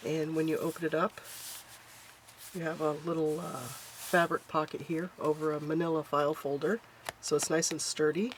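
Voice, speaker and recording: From her home craft room, a woman who runs a craft channel does a relaxed journal flip-through, her nose stuffed up so she sounds nasal. The tone is level and low-pitched at normal speed, with a bit of hiss or hum behind it.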